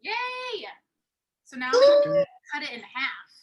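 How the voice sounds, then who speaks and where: A woman's voice: high voice, wildly swooping pitch, slow. A woman hosting a live online cooking class, bubbly and gushing with praise.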